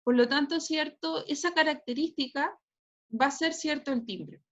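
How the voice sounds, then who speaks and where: A woman teacher with a Chilean accent explains physics in an online lesson. Her voice sits high, and she keeps tagging her sentences with quick check-in questions. The sound is dull and muffled, like a video call. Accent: Chilean Spanish. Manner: repeats "¿cierto?" and "¿ya?" as checks. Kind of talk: online class lecture.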